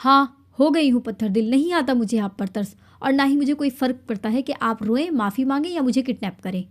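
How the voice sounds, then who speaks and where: A woman's voice: fairly high pitch, animated, darkish tone, close to an everyday voice. A woman voicing a defiant young wife in an audiobook, speaking sharply and angrily. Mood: shouting. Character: defiant angry young wife, kidnapped by her husband.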